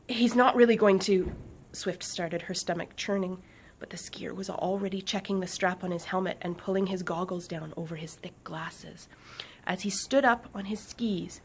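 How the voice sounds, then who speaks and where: A woman author reading her children's book aloud with expressive storytelling and dramatic pauses. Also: on the low side, a little hiss or hum.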